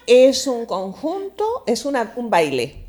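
Reflective woman co-host, fairly high voice. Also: huge pitch swings, slow pace, over a noisy crowd. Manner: reflective, laughs often while talking. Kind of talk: casual chat.

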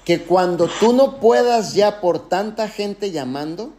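A man's voice: high voice, animated, slow pace, warm tone. Emphatic man giving a motivational talk. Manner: emphatic, storytelling, addresses listeners directly. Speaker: network marketing team leader.

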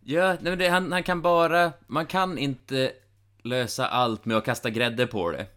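A woman's voice: extremely low pitch, steady tone, fairly bright tone. A woman co-hosting a podcast, making dry, wry remarks in a casual chat about a film. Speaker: podcast co-host.

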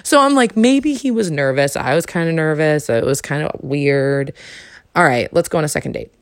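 Young woman podcast host, low voice, animated casual storyteller who jumps up high for quotes, dry recording. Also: normal speed, no room sound. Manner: animated, acts out quoted lines with big pitch jumps.

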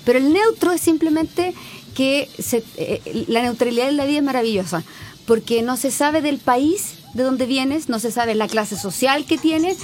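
A Chilean woman with a fairly high voice speaks emphatically in a lively radio chat. A light hiss sits faintly under her voice. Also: moderate pace. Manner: emphatic, laughs often, teasing.

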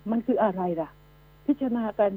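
A woman's voice: mid-range voice, lively intonation, normal speed. A woman hosting a radio news commentary show, scolding and emphatic, firing rhetorical questions at her listeners. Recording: narrow phone-like radio line with mains hum.

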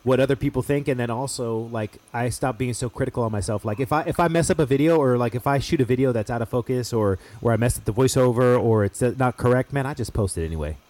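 A man's voice: mid-range voice, quick pace, few pauses, darkish tone. A man with an American accent chatting casually as a chef, emphatic and slangy with plenty of swearing. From United States. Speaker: chef making cooking videos. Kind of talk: casual podcast-style chat.

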